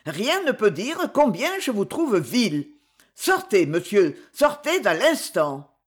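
A woman's voice: a little high, sing-song, unhurried, voice pushed up. A woman voicing a betrayed, indignant young woman in a read-aloud novel, with emotional, outraged delivery. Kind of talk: audiobook character voice.

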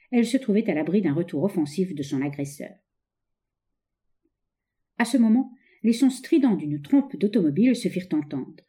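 A woman reads an old adventure novel aloud, her voice mellow and warm. Her pitch rises and falls freely as she builds the drama of each scene. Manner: expressive, dramatic storytelling. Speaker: narrator. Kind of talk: audiobook reading of a novel.

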